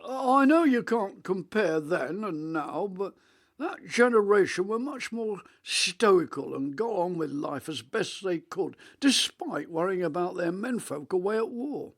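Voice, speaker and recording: An old actor playing a gravelly grumpy grandfather. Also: high voice, animated, exaggerated voice. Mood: reminiscing. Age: 80s. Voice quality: rich melodious voice. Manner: rambling, reminiscing, with halting restarts. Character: grumpy elderly grandfather on a video call. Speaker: actor in a radio monologue. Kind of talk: radio drama monologue.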